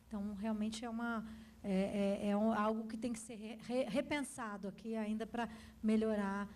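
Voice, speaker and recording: Brazilian woman, slightly high voice, explaining stuff in a conference q&a. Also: fairly even intonation, moderate pace, darkish tone. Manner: explanatory, gives examples. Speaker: conference speaker. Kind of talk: answering audience questions at a talk.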